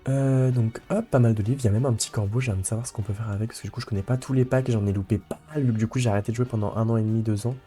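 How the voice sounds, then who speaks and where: A young man talks his viewers through his game in a loose, casual way. His voice is mellow and warm, and he keeps looping back with fillers and half-started phrases. Soft music runs faintly behind him. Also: fairly low pitch, fairly even intonation, very fast, hardly any pauses. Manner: rambling, many fillers and restarts. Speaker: let's play host. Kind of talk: casual gameplay commentary.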